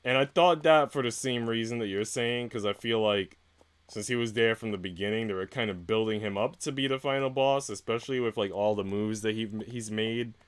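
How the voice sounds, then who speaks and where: A man live-streams a read-through of a visual novel, switching between narration and laid-back chat full of slang and light cursing. His voice is on the low side, smooth, and fairly quick.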